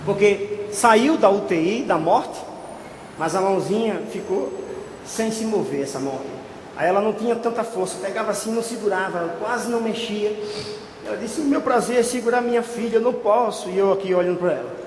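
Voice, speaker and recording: Brief: high-voiced male preacher, animated storyteller, shouting at peaks, recorded in a reverberant hall. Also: fairly quick, slight background noise. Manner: lively storytelling, shouting at climaxes. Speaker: pastor. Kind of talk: sermon with personal testimony. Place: church hall. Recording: echoey hall, faint ambience.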